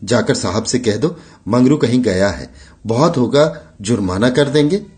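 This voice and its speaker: A man's voice: medium pitch, lively intonation, unhurried, a little mellow, lightly acted. A man voicing a desperate male laborer who pleads humbly with his master. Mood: pleading.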